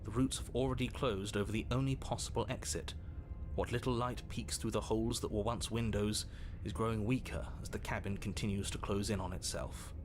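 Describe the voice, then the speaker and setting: An actor playing an unseen narrator in a video game, theatrical and dramatic, with exasperated asides. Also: male voice, fairly low pitch, fairly even intonation, a little fast, noisy background, lightly acted. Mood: grim narration. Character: unseen male narrator and excitable inner voice guiding hero.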